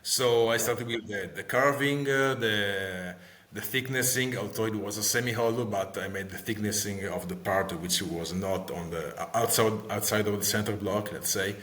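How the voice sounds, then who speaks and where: A middle-aged man with an Italian accent explaining things as an interview guest, halting and repeating words as he searches for them. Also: on the low side, a bit bright. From Italy. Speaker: guest, guitar maker. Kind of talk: interview answers, casual explanation.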